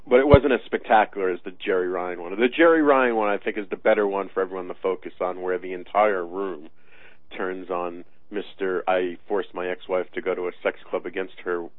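A man giving halting, sardonic political commentary in a conversational style over the phone. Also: low voice, steady tone, no room sound. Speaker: political talk radio commentator. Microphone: phone line. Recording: tinny phone-line sound.

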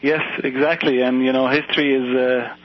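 A professor from Iraq speaking as a radio interview guest, earnest and measured, often restarting his phrases. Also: mid-range voice, flat delivery, muffled recording, slight background noise.

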